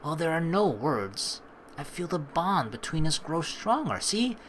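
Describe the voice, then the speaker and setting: Over slight background noise, a young man's slightly high, unhurried voice reads game text aloud during a let's play, chatting animatedly and reacting as he reads.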